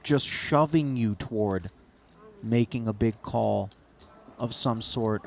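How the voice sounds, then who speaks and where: A man commentates live on poker with a creaky, gravelly edge to his voice. His phrasing is wordy and florid. Faint noise and ambience sit behind him. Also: lowish voice, takes it slowly.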